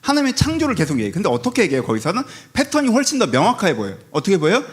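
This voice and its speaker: A man preaching a sermon in church, talking fast and in a slightly high register. He keeps asking the congregation rhetorical questions and acts out little retorts. His pitch swings widely from line to line. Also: wildly swooping pitch. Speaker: pastor. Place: church sanctuary.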